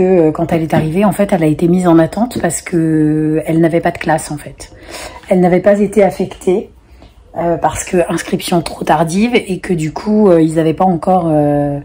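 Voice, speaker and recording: Sitting on her sofa with the window open onto a busy street, this single mother from France vlogs about her family to a nearby camera. She's in her forties, congested from a cold, and her fairly low, mellow voice wanders along with lots of fillers over slight background noise.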